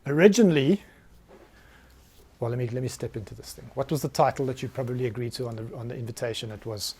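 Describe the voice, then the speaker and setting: Man, forties, South African accent, live talk, self-deprecating, lively, room with audience. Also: medium pitch, fast talker, a little hiss or hum. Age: 40s. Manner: candid, self-deprecating, energetic. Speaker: business founder giving a talk.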